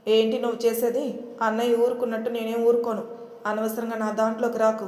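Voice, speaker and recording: A woman's voice: a little high, level tone, brisk, dark tone, close to an everyday voice. A woman voicing a feisty young sister who argues back angrily. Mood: angry. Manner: angry, combative. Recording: echoey room.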